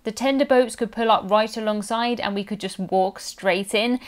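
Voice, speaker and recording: A British woman in her thirties narrating a cruise travel vlog in a chatty, enthusiastic, matter-of-fact voice-over. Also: medium pitch. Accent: British English. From Britain. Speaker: cruise vlogger.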